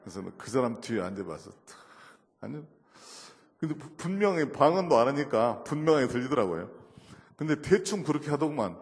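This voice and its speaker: A man giving a lively testimony sermon at a church, telling stories with acted quotes and moving from soft murmurs to loud outbursts. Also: medium pitch, fairly quick, in a large hall. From South Korea. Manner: storytelling with acted quotes, laughing, shifts from murmur to shouting. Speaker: guest speaker at a church service.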